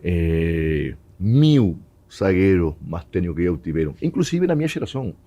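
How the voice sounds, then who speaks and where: His deep, dark voice is very animated and runs at normal speed. He's a former footballer from Uruguay with Spanish as his first language, sharing stories in an interview, mixing in Portuguese and laughing often.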